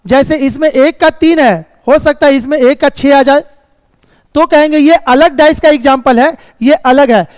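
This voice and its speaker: A man's voice: very high voice, normal speed, no room sound, in a large hall. A man teaching a reasoning class live, explaining step by step, checking often if students follow, and sometimes scolding them about the course. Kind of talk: live online class lecture.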